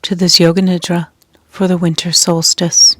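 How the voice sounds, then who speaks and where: A woman guides a yoga nidra meditation in a soothing, hushed voice whose soft, breathy edges drift close to a whisper, leaving long pauses. Her voice sits lowish and her delivery is flat. The recording is dry.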